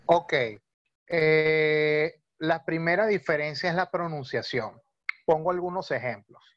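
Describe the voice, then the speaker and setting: A man's voice: fairly high pitch, no echo, dull audio. A male language teacher, explaining patiently on a video call and often checking that listeners follow. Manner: patient, many fillers and checking questions.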